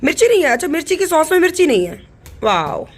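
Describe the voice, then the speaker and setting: A woman's voice: sits high, sing-song, quick pace. A woman filming a casual family vlog at home at night. She chats to her phone camera about her family, slips English phrases into her talk, and keeps her voice down to hide a surprise. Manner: chatty, mixes English phrases into Hindi; talks quietly to keep a surprise secret. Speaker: family vlogger and mother.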